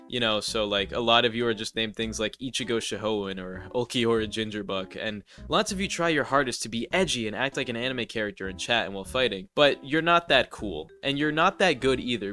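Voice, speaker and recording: Nasal and congested from allergies, this man voices a sarcastic, scripted roast for his gaming YouTube channel. His voice is medium-pitched with a sharp tone.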